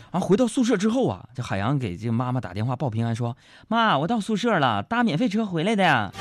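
A man, hosting and reading listener jokes in a chatty way with drawn-out fillers. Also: lowish voice, a little mellow. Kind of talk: comic joke reading.

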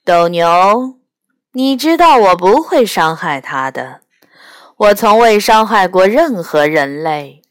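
A cold, scheming bird spirit with a grand manner, as a woman reading a storybook puts it on. It speaks haughtily and insistently, pitched low, at a slow pace. The sound is close and dry. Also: expressive, clean tone, no echo.

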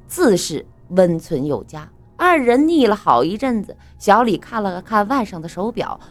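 A woman narrating a ghostly story in a dramatic, expressive way. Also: on the low side.

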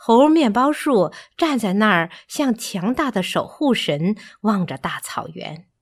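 A woman reads a children's story aloud at an unhurried pace. Her voice rises and falls expressively, with a wide, melodic range suited to a bedtime tale. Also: mid-range voice. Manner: slow, expressive.

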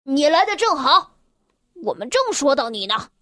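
A woman's voice: sits high, very animated, normal speed, pushed and bright, no room sound, clean studio sound, exaggerated voice. A woman voicing a bratty boy who bullies and jeers, then groans in pain. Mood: jeering. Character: bratty mean boy bully, later weak and sorry.

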